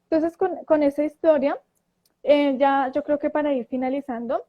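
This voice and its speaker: A woman telling a story in casual talk, animated and acting out quoted voices, with frequent restarts. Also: high voice, moderate pace. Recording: dull lo-fi audio.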